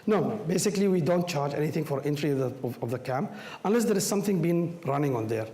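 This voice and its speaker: In an echoey indoor room with an audience and some background noise, a speaker from an astronomy group answers questions in non-native English. A cold has made him hoarse, his voice nearly gone, and he speaks haltingly, repeating words and phrases. His voice is a little high and warm, with lively intonation.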